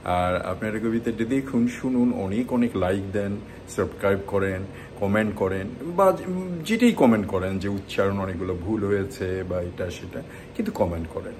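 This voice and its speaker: A man hosting his own video, talking casually to his viewers in a relaxed, chatty way with a few hesitant fillers. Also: on the low side, moderate pace, a little hiss or hum. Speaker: video host.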